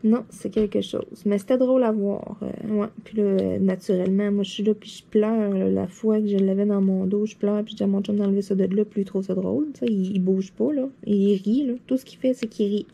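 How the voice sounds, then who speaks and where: A woman with a Québécois French accent, seated at her desk, telling anecdotes to her viewers in a chatty, animated way, full of fillers and laughter. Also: mid-range voice, fairly quick, vocal fry, hardly any pauses, slightly rough. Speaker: vlogger. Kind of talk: casual anecdote storytelling to viewers.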